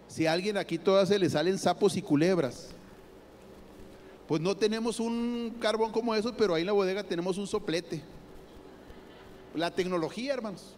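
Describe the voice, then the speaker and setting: A middle-aged Mexican pastor preaches in a notably high voice with a conversational, questioning style. A faint background hiss sits under his speech. He keeps checking in with his listeners as he goes. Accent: Mexican Spanish. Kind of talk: sermon.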